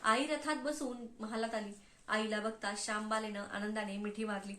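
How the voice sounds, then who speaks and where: A woman narrating a devotional folk tale in a measured, expressive storytelling manner. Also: mid-range voice. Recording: echoey room.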